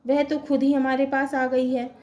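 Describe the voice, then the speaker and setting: A woman voicing an eager teenage boy, brisk and lighthearted. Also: sits high, flat delivery, darkish tone, natural voice.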